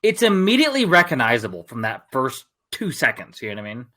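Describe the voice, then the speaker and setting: Guy co-hosting a podcast, rambly and animated, bright voice. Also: mid-range voice, quick pace. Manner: animated, rambling with many fillers. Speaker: podcast co-host. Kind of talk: casual chat.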